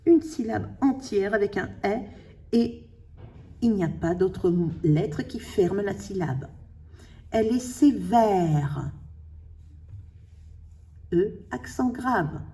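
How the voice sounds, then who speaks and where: A woman teaching a spelling lesson, slowly sounding out syllables and letters for her pupils. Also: medium pitch, warm tone, distant mic. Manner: slow, carefully sounding out syllables.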